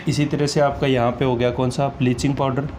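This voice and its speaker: In this slow classroom chemistry lecture, the teacher speaks in a mid-range, darkish voice with flat delivery over slight background noise. He poses questions only to answer them himself, repeats key terms, and slips in English phrases.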